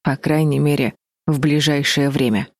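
Low-voiced woman reading a story. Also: fairly even intonation, moderate pace, a little mellow, dry recording, clean studio sound. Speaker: audiobook narrator. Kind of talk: scripted narration.

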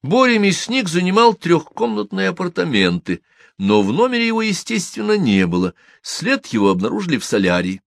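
Gravelly man reading an audiobook. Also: sits high, huge pitch swings, brisk, no echo, studio quality. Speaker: audiobook reader. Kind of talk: scripted narration.

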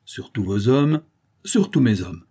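A male narrator voicing a rough pirate ship captain who answers warily and gruffly. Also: on the low side, lively intonation, measured pace, mellow. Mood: wary.

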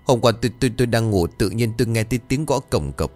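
A man's voice: medium pitch, animated, fast, darkish tone, soft background music, close to an everyday voice. A man voicing a frightened elderly village wife who stammers as she tells her husband what she saw. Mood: terrified. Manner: stammering, terrified.

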